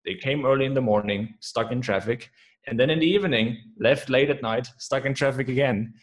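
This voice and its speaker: On a podcast, a young German-accented guest talks a little fast in a medium-pitched voice, keeping the casual interview chat upbeat and enthusiastic while often saying "man" and "right?".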